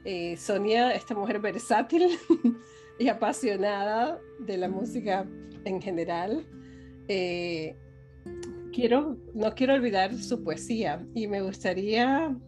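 A woman's voice: medium pitch, slow, over music. A woman hosting an interview, encouraging her guest and talking to her viewers. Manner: warm, encouraging, addresses her audience. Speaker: interview host. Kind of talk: casual interview chat.

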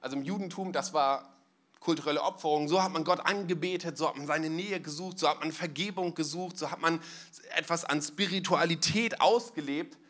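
A man with a notably high voice preaches a relaxed, storytelling sermon. He talks straight to his congregation in a church service. He keeps it casual, with easy fillers and everyday phrasing. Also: a little fast. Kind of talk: conversational sermon.

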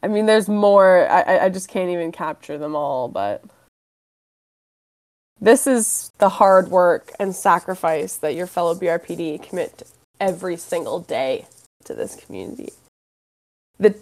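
A woman's voice: on the low side, expressive, unhurried, a little mellow. A woman hosting a casual online community call, upbeat and playful, speaking into a computer mic.

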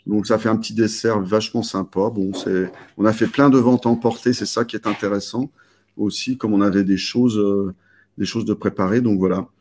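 A man hosting a casual live stream with a lowish voice. He rambles and restarts often, padding his talk with fillers. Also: steady tone, normal speed, a little mellow, slight background noise.

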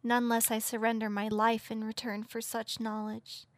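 A man's voice: sits high, monotone, no room sound, voice pushed up. A man voicing a frail, dying fay queen, in a weak, solemn and formal voice. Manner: solemn, slow, formal speech. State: weak and faint. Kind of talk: audiobook character voice.

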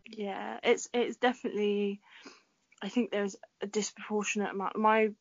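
A woman's voice: mid-range voice, little pitch movement, normal speed, no room sound, lo-fi sound. Groggy young woman podcast co-host. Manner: chatty, filler-heavy, earnest. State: groggy morning voice. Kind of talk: casual podcast chat.

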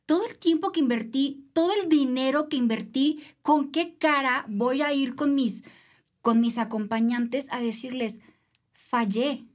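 Lively Mexican woman telling a race story. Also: a little high. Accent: Mexican Spanish. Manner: animated, acts out voices of others. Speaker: guest, triathlete. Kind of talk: casual interview storytelling.

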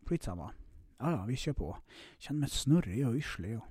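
A man's voice: mid-range voice, big pitch swings, darkish tone, breathy edge, dry recording, studio quality. A man hosting a podcast, telling a personal story in a casual way with lots of swearing, fillers and restarts. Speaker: podcast host.

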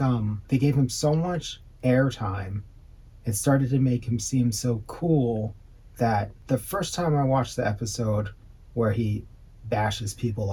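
A man's voice: medium pitch, dark tone, slightly rough. A man co-hosting a podcast, chatting casually and rambling with lots of fillers and swearing. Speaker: podcast co-host; designer. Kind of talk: casual chat.

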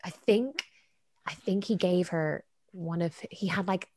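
A young woman with a Cork Irish accent, co-hosting a casual chat, excitable and quick to exclaim, with many "like" fillers. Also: fairly low pitch, dry recording, studio quality.

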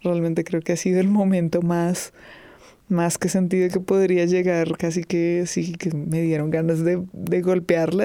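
A woman answering interview questions in a measured, thoughtful way, pausing and restarting as she speaks. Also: lowish voice, dark tone, no echo.

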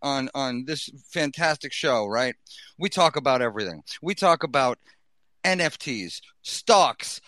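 A man's voice: mid-range voice, expressive, a little slow, sharp tone, dry recording. A man with a Boston accent hosting a podcast in a casual, slangy, rambling style full of swearing. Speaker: podcast host. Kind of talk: casual, profane hype-man chat. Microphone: gaming headset.

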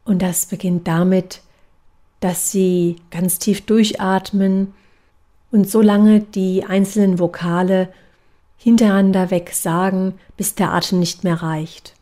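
A woman voice coach giving a calm, measured lesson on breathing and articulation exercises. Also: mid-range voice. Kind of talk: instructional voice training lesson.

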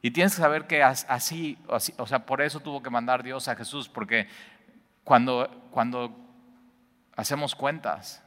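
A man preaching a sermon, swinging between emphatic bursts and hushed, intimate lines. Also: mid-range voice, moderate pace. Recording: long reverb of a large hall.

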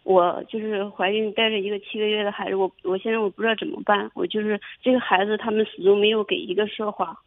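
A woman's voice: medium pitch, fairly even intonation. Young woman calling in, stumbling over her words, thin phone-line sound. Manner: halting, many restarts and fillers. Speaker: caller. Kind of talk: phone-in advice call.

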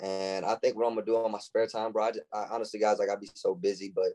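A young man speaks as a guest on a podcast in a loose, casual way. He keeps acting out little quoted exchanges, so his pitch leaps up and down. The sound is close and dry. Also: fast talker, no echo, low-quality recording. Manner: animated, acts out quoted lines in shifting voices. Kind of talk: casual chat.

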